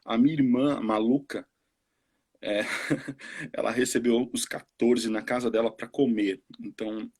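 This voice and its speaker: A man's voice: mid-range voice, fairly even intonation, a little slow, darkish tone, husky. A Brazilian missionary in his forties telling his story casually, acting out the voices of the people he quotes. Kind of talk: casual testimony on a live stream.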